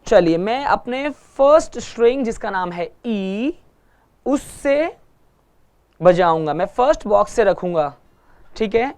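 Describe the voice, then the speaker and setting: A man's voice: sits high, darkish tone, clear, resonant tone. A man teaching a guitar lesson, patiently repeating each point and checking that everyone follows. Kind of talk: online music lesson.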